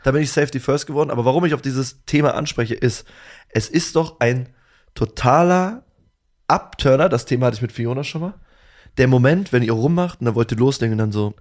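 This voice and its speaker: Fast-talking man, slangy and animated. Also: mid-range voice. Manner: slangy, animated storytelling with laughs. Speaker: podcast host. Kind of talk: casual chat.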